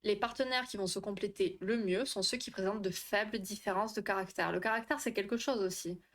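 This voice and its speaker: A young woman hosting a casual live stream, chatty and quick to swear, often tripping over her words while she answers the chat. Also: mid-range voice, steady tone. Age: young adult. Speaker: livestream host on relationships.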